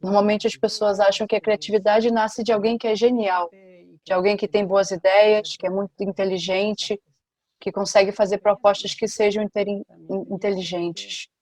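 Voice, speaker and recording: Give me a woman with a mellow voice, interpreting a panel talk steadily. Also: medium pitch, flat delivery, normal speed.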